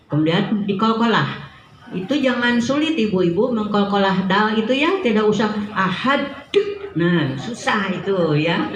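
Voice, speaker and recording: A middle-aged woman leads a recitation class for a women's study group, unhurried and patient. She stretches out each demonstrated word and laughs lightly as she corrects. The sound carries the echo of an indoor room. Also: medium pitch. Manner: patient, demonstrates recitation slowly, chuckles often. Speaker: Quran recitation teacher. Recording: echoey room.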